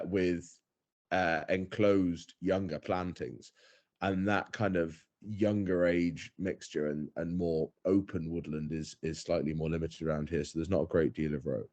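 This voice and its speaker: The head stalker, a young man guesting on a podcast, has a low-pitched, slightly mellow voice. He chats casually, thinking aloud with hesitation, many fillers and repeated false starts.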